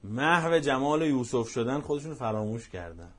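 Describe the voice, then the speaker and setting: A man preaching a religious sermon, telling stories emphatically and swinging between hushed and loud, passionate delivery. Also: medium pitch, sing-song, husky. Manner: repetitive, emphatic storytelling.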